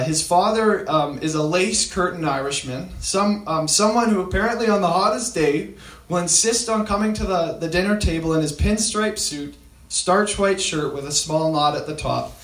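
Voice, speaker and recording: Male storyteller, slightly high voice, halting delivery with fillers, roomy echoey sound. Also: a bit bright. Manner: halting, with frequent fillers and restarts. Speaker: speaker retelling a story. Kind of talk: storytelling talk.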